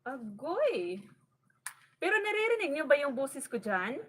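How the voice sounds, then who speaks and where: A woman's voice: high voice, sing-song, a little slow, fairly bright tone, slight background noise. A woman from the Bicol region of the Philippines, hosting a casual farm-vlog livestream and greeting viewers by name as she fusses over her audio setup. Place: rural home in the province.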